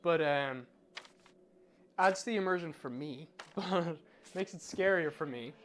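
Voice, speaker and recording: Male game streamer, high voice, casual live commentary, chatty, informal, self-deprecating. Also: unhurried, a little hiss or hum.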